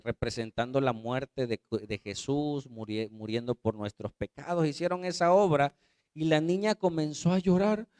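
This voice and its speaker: Pastor preaching, clear and smooth. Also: male voice, medium pitch, darkish tone, no room sound, studio quality. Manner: rhetorical questions to listeners; acts out quoted voices. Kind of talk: sermon.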